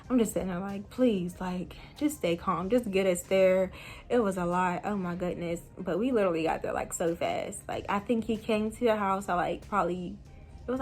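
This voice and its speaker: A young woman in a relaxed storytime vlog, talking fast and loosely with lots of "like" and "um". Her voice sits at an ordinary middle pitch. A little music plays softly behind her. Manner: chatty, animated retelling with many fillers and laughs. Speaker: vlogger telling a personal story. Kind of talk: casual storytime.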